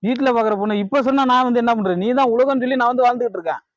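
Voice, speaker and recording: A man's voice: very high-pitched, rapid-fire, no echo, muffled recording. A man in a village comedy skit, playing a spurned lover who rants and pleads angrily, piling up repeated phrases. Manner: angry, pleading, repetitive rants.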